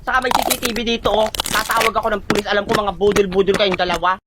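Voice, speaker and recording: A woman rattles off a one-person comedy skit, flipping between squabbling characters with a sharp, sassy tongue. She talks quickly, and a clear hiss of noise runs under her voice throughout. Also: mid-range voice, level tone. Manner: sassy, bickering, insult-trading.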